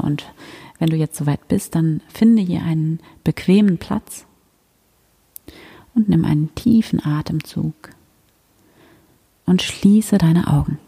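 A woman leading a guided meditation in a gentle, hushed, soothing manner like a sleep story narrator, with long pauses. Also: fairly low pitch, vocal fry, breathy edge. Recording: long hall-like reverb.

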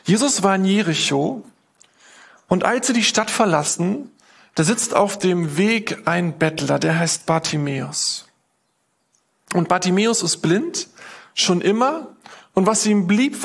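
Male pastor, husky voice, animated sermon storyteller. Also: high-pitched, a little slow. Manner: lively storytelling, acting out quoted prayers and voices.

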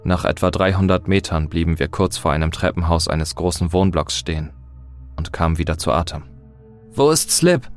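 A man narrating a scripted horror story in a steady, dramatic reading. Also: low-pitched, fairly quick, faint music behind.

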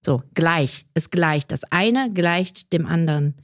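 A woman in her forties with a somewhat low voice hosts a podcast chat. She patiently quizzes her guest and explains things step by step. Her voice is recorded dry, with no room sound. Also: slow, no echo. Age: 40s. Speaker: podcast host. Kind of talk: casual chat.

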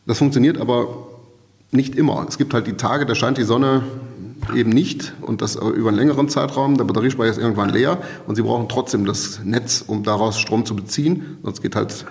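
A man's voice: mid-range voice, a little fast, vocal fry, a little mellow, big-room sound. A man working in energy purchasing, giving patient interview answers and explaining with everyday comparisons.

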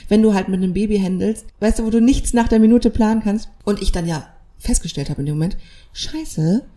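Mellow-voiced woman telling a lively story. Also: medium pitch, fast talker. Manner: animated storytelling, acting out quoted dialogue. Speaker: podcast co-host. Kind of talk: casual chat.

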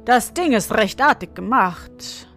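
A woman's voice: a little high, animated, slow pace, fairly bright tone, soft background music, full character voice. A woman voicing a mocking, mysterious male guest who looks down on the cook, in a storybook reading. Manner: sneering, superior.

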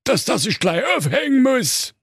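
A dimwitted fairy-tale brother whines and dawdles in broad Saxon. His voice sits squeaky high with a husky edge and swoops about. It is a close, dry comic audio-story sound. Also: sing-song, moderate pace, fairly bright tone, dry recording, full character voice. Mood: indignant. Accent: Saxon German. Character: bumbling middle-aged male fairy-tale brother, slow-witted.

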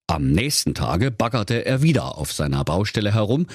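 A man's voice: fairly low pitch, slightly rough, no echo, studio quality. A man narrating a comic fairy tale parody in a mock-solemn storybook tone.

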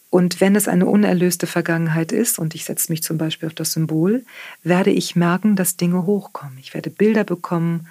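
A woman with a German accent, an author and therapist, explaining her ideas in a podcast interview, often tagging sentences with "ne?" and pausing on "ähm". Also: lowish voice, mellow, husky, dry recording. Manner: reflective, tags sentences with "ne?"; frequent hesitation fillers. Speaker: author and guest; therapist working with clients.

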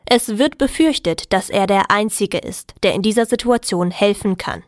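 A man voicing a female television news anchor with a measured newsreader delivery. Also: high-pitched, expressive, dry recording, studio quality, pitched above the performer's own voice. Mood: formal.

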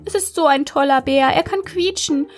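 A woman's voice: high voice, moderate pace, pitched above the performer's own voice, close to an everyday voice. A woman voicing a young female golden retriever puppy who sniffles and talks plaintively in a children's storybook. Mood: tearful.

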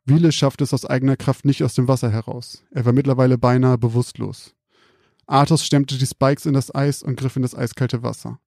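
A man calmly reading out a scripted spooky story in a measured, quiet storytelling manner. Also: mid-range voice, creaky, no room sound, clean studio sound.

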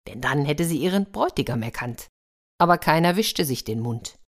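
A woman narrating a fairy tale for an audiobook in a lively way, speaking to her listeners. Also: deep voice, normal speed. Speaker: storyteller.

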